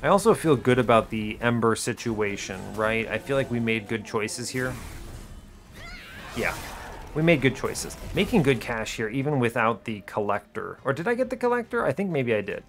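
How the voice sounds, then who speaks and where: This gaming video host has a mid-range voice, lively intonation and a moderate pace. He talks through his plans in quick, informal, wry remarks while game music plays in the background.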